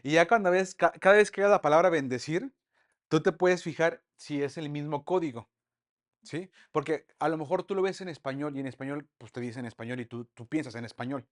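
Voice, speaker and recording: A man teaching an online Bible study lesson, lively and full of rhetorical questions to the group. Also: fairly high pitch, brisk.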